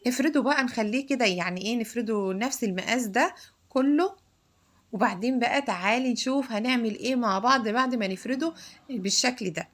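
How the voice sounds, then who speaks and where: A woman's voice: fairly high pitch, fast talker. A woman with an Egyptian accent hosting a home cooking tutorial in her kitchen, chatting directly to viewers as she works. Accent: Egyptian Arabic. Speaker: cooking show host.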